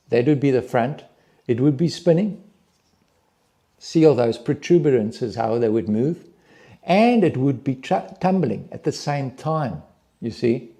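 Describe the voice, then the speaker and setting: A man's voice: mid-range voice, dark tone. A man hosting his own channel, talking through space images in a thinking-aloud monologue with hesitant restarts. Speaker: channel host analysing images. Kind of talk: explanatory monologue over images.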